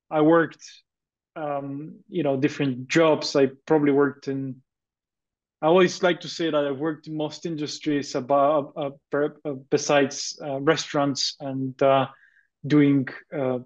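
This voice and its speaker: This podcast interview guest, an entrepreneur from Bulgaria, speaks slowly in a fairly high, level voice on a muffled line. He's earnest, hesitant, and uses lots of fillers.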